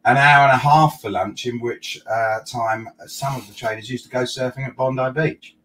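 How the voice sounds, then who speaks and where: A man's voice: medium pitch, steady tone, normal speed, a bit bright, rough recording. A middle-aged man with an Essex accent, chatting casually as an interview guest in a hesitant, matey way. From Essex, England. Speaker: guest, technical analyst. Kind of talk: casual reminiscing chat. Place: garden office shed. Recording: clear background noise, room ambience.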